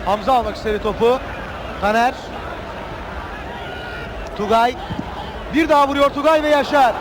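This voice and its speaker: A man's voice: very high-pitched, moderate pace. A man calling a football match live, naming players in clipped bursts and lifting his voice on chances. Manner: clipped player-name calls rising on chances. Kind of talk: live play-by-play football commentary. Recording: noisy old TV broadcast with loud crowd. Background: loud stadium crowd.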